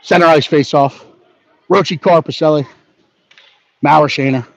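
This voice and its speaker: A man giving brisk live hockey play-by-play, narrating each pass and leaning toward the home team. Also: fairly high pitch, creaky. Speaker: play-by-play announcer. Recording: dull lo-fi audio with faint background noise.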